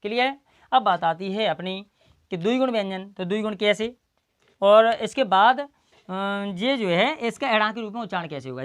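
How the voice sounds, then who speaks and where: A woman teaching Hindi pronunciation in a classroom style. She asks her own questions, answers them, and spells out the letter sounds one by one. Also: fairly high pitch. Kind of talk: slow classroom-style lesson.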